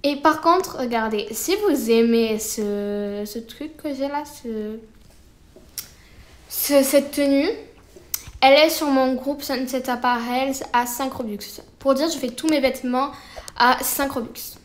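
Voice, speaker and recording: A woman chatting through her gameplay, rambling easily and breaking into sudden excited exclamations. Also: high-pitched, slow. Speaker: gaming video creator. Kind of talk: gameplay commentary.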